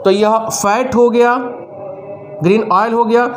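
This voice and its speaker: A male chemistry teacher giving a lecture, speaking loudly and quizzing students with repeated questions while dictating terms slowly. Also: high-pitched, little pitch movement. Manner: speaks loudly over nearby noise. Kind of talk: classroom lecture.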